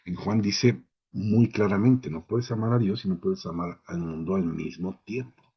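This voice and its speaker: A man preaching, in a low, slightly husky voice. He talks informally and keeps asking his listeners if they follow. The recording is dull and lo-fi. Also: normal speed. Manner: conversational, asks the listeners "¿sí?" often. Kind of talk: informal sermon.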